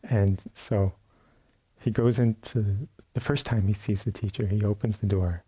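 Male meditation teacher, low husky voice, easygoing storyteller, dharma talk. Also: measured pace. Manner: relaxed storytelling with many fillers and restarts. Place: retreat center meditation hall.

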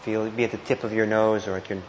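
Gently and somewhat hesitantly, a man guides a meditation in an echoing indoor hall, his fairly low voice showing little pitch movement. As a teacher he pauses between brief phrases. The live recording is a bit muffled and roomy, with distinct background noise.

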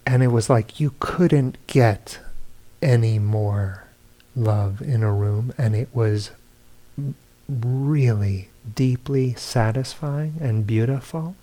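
A man giving a dharma talk at a retreat center, telling a story in an unhurried way with soft laughs and hushed asides. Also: mid-range voice. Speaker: meditation teacher. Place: retreat center meditation hall.

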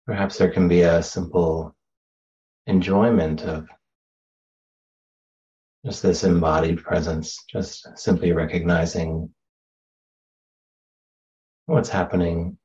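Speaking slowly and softly, a man leads a guided meditation as a teacher, letting long silences fall between phrases. His low-pitched voice keeps a level tone, though the recording is muffled.

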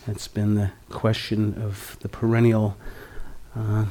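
A man's voice: lowish voice, level tone, takes it slowly, dark tone, slight background noise. A man in his sixties giving a dharma talk as a meditation teacher, reflective, with wry, humorous asides. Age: 60s.

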